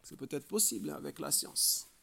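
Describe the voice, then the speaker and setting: A man's voice: fairly quick, gravelly, fairly bright tone. A man preaching a sermon, earnest and exhortative, often tagging phrases with a questioning "hein" and lifting his voice to stress key points. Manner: earnest preaching, rises in pitch and volume for emphasis; frequent filler "hein".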